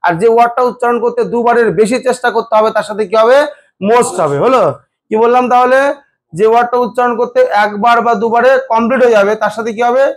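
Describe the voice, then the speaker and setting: A male teacher giving a grammar lesson. He asks the class questions, answers them himself, calls his students "babu" affectionately, and draws words out slowly to spell them or count syllables. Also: extremely high pitch, fairly even intonation. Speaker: English teacher.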